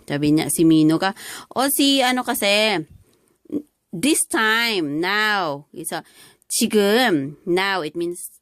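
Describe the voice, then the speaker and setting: A woman's voice: medium pitch, lively intonation, slow pace, a bit bright, dry recording, clean studio sound. A woman with a Filipino accent teaching a lesson word by word, with many fillers. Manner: mixes languages, explains word by word with many fillers. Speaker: language teacher. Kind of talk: classroom-style lesson explaining dialogue.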